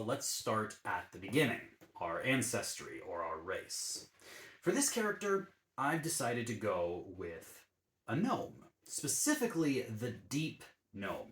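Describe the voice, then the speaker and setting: A man with a fairly low voice walks through a tabletop character build, easygoing and explanatory, pausing on ums and uhs. His voice carries a noticeable roomy echo, as if recorded in an untreated room. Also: a bit bright. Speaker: YouTube D&D channel host. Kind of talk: relaxed tabletop game class guide.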